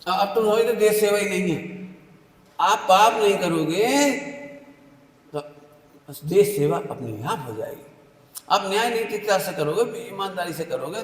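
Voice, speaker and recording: A man preaching a sermon in a folksy manner, often asking the audience rhetorical questions. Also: high voice. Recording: echoey hall with long reverb.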